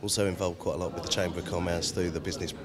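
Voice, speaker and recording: A man's voice: low-pitched, little pitch movement, very fast. A man who works as a town crier giving casual, conversational interview answers. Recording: crowd chatter outdoors. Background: crowd in an outdoor town setting.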